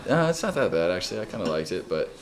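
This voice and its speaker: A man's voice: low-pitched, big pitch swings, rapid-fire. A man in his twenties with a Southern US accent, a podcast guest chatting in a laid-back, joking way. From Texas. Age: 20s. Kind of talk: casual chat. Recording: live room with crowd noise behind.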